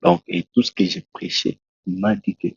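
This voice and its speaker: A Congolese preacher, a man, tells his testimony in an interview, slowly and haltingly, with many restarts. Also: a little mellow, no echo. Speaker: preacher, guest. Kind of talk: testimony in a talk show interview. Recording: dull, lo-fi dry sound.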